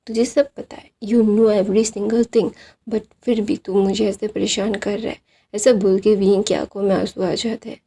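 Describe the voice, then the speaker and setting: A woman's voice: mid-range voice, warm tone, slightly rough. A woman casually retelling a fan story, speaking each character's lines in her own voice and mixing in English phrases. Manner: reads out quoted lines of several characters in her own voice, with fillers.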